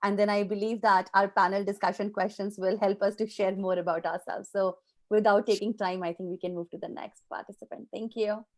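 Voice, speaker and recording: A woman's voice: mid-range voice, little pitch movement, brisk. A woman from India speaking as a professor on a panel over a video call, polite and full of fillers. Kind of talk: conversational panel remarks.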